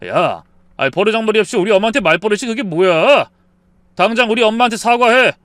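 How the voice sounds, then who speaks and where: Brief: hot-headed husband siding with his mother, voiced by a man, rough and crisp, a bit high. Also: a little fast, no echo. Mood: contemptuous. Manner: rough, contemptuous yelling.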